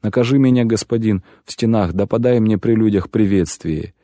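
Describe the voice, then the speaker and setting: A man's voice: lowish voice, normal speed, dark tone, no room sound, studio quality, close to an everyday voice. A man voicing a self-pitying grown shoemaker who pleads and laments at length, in an audiobook reading. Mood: lamenting.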